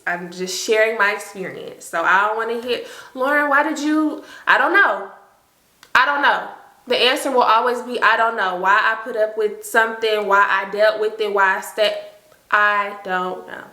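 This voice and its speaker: A woman's voice: mid-range voice, bright, forceful tone, echoey room, poor audio. A woman in her late twenties telling a storytime to her viewers in casual chat, chatty and emphatic. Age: late 20s.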